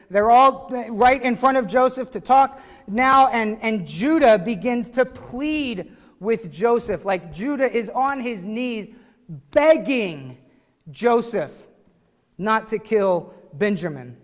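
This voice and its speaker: A man preaching a sermon as pastor, conversational and animated, with restarts and casual asides. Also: high-pitched, big-room sound. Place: church sanctuary.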